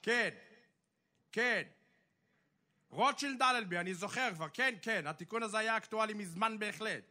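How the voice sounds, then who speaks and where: An actor playing a self-important senior official in a radio comedy sketch, pompous, officious and evasive. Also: male voice, high voice, bright, forceful tone.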